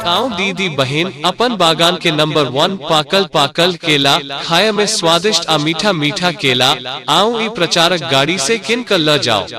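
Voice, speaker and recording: Male fruit-cart announcer, Maithili accent, higher-pitched beckoning vendor call, clear music underneath. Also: lively intonation, unhurried. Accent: Maithili, Bihar. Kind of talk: recorded street vendor sales call. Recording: loud music bed under voice. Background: music with devotional song snippets.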